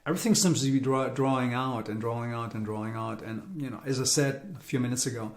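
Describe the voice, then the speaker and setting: A man with a middle-pitched voice talks through a market update in a loose, rambling way, restarting phrases and leaning on fillers. He sounds weary, and the room around him is echoey. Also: quick pace. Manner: rambling, repeats words, frequent fillers. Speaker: crypto market commentator. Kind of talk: casual market update monologue.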